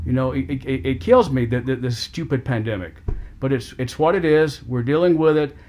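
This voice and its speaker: A middle-aged man in an emotional family conversation, with a voice of ordinary pitch. He talks haltingly, stumbling over repeated words and restarting his sentences as he goes. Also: a little mellow. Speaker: family caregiver on a call.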